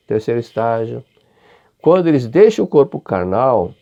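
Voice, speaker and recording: Speaking slowly with a Brazilian Portuguese accent, an older man teaches a religious study lesson, frequently going back over or restarting what he says. He has a medium-pitched, gravelly yet mellow voice, and the recording has its highs cut off.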